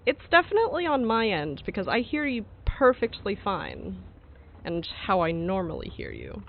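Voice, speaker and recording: A man's voice: high voice, wildly swooping pitch, normal speed, creaky. A man co-streaming in casual chat over a voice call, his voice muffled as if coming through a wall. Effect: muffled, as if talking through a wall. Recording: muffled phone-like voice call with faint noise.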